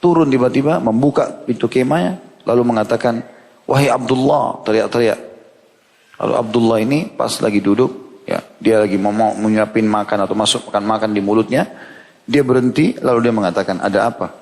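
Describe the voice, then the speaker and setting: A man preaching an Islamic sermon, retelling a story with lively quoted dialogue and shifting his pitch for each character. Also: brisk. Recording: long hall reverb.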